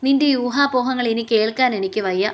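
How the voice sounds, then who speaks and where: A woman voicing a serious, devoted young man, speaking softly and earnestly in her own voice. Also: fairly quick, lo-fi sound, lightly acted. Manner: low, soft and serious.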